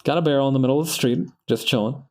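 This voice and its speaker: Talking very fast in a medium-pitched, slightly mellow voice, this young artist streams his practice and rambles casually as he draws. Spanish is his first language, and he frequently breaks off mid-sentence with a laugh.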